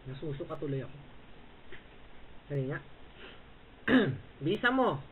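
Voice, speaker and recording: Over a tinny voice-chat line with faint hiss, a man mocks his rivals in an online room, taunting and bossy, barking short orders and a repeated "ha?". His voice is a little high with big pitch swings, and he speaks slowly.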